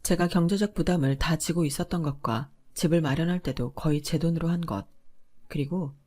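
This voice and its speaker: A woman reading a scripted first-person story in a steady, aggrieved recounting way. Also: sits low, fairly quick. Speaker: narrator.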